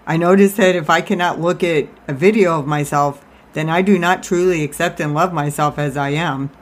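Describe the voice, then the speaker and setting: A woman's voice: deep voice, moderate pace. Candid woman talking out of the side of her mouth. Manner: informal, confessional, self-deprecating. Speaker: life coach and podcast host. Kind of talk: candid personal monologue.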